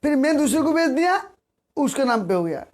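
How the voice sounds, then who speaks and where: A man giving a devotional sermon, repeating phrases and asking rhetorical questions, sometimes singing verses slowly. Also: extremely high pitch, big pitch swings. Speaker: preacher.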